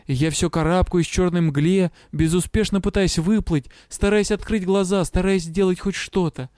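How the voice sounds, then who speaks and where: A man's voice: sits high, fairly even intonation, normal speed, darkish tone, clear, resonant tone, dry recording, clean studio sound. A man reading a first-person fantasy audiobook in an emotional, intimate way. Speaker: audiobook reader.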